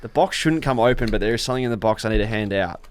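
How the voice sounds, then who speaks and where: A man's voice: on the low side, lively intonation, very fast. A man from Geelong with an Australian accent, an upbeat co-host who introduces the segments of a casual podcast.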